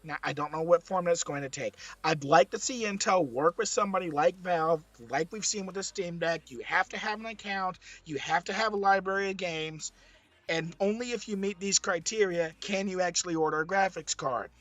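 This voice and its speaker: A man presenting tech commentary with a hoarse, strained voice that is giving out, stressing his points by repeating them. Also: sits high, normal speed, fairly bright tone, dry recording. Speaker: streamer, presenter. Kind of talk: slide-based tech commentary.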